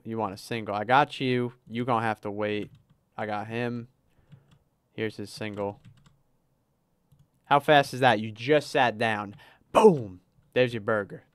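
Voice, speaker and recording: A man's voice: on the low side, fairly even intonation, a little slow, long pauses, clean tone, dry recording. A man livestreaming a cooking game, chatting casually as he plays, narrating his moves and reading chat aloud. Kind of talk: casual gameplay livestream commentary.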